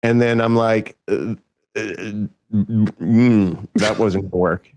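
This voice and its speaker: A man's voice: lowish voice, slow pace, a little mellow, no echo. A man from Kansas hosting a casual podcast chat, rambling and restarting his sentences and chuckling often. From Kansas, United States. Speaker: podcast host. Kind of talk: casual conversation.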